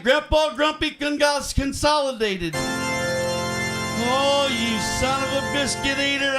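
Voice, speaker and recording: A man on a radio show voicing a cranky old man who owns a pizza shop, blustery and folksy, now and then shouting. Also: extremely high pitch, creaky, voice pushed up, exaggerated voice. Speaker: radio co-host.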